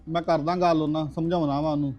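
A man with a somewhat high voice plays a husband and brother who tries to calm a family quarrel in a village drama. Faint music plays behind him. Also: fast, muffled recording.

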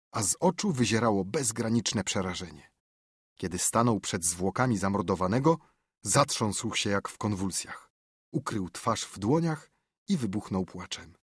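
A male narrator reads a literary audiobook with a lively, rising-and-falling delivery. His voice has a slightly husky grain and sits at a middling pitch. The recording is dry and close, with no room sound. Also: no echo. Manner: measured, expressive storytelling.

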